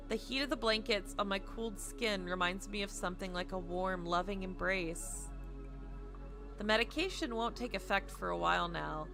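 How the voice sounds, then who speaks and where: Game music plays in the background as a woman streams a visual novel, mixing casual, playful chat that pokes fun at herself with expressive narration read aloud. Her voice is mid-range and gravelly.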